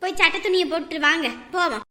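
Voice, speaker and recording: A woman's voice: very high voice, fast talker, sharp tone, long reverb tail. A woman playing a caring, forgiving middle-aged mother-in-law, in a family drama. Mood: fond. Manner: fond, soothing, motherly.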